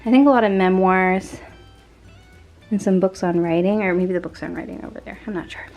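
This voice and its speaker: A woman's voice: medium pitch, fairly even intonation, brisk, gravelly, a little mellow, faint music behind. A young woman vlogging casually from her home office, chatty and rambling, laughing at herself often. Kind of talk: casual productivity vlog. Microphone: camera mic.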